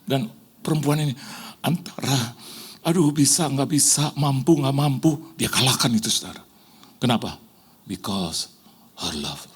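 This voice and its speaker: A man's voice: mid-range voice, unhurried, pauses often, husky. A middle-aged man preaching a sermon, telling stories and acting out the dialogue and sound effects with mixed in. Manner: animated storyteller, acts out dialogue and sound effects. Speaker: pastor. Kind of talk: lively sermon with told stories.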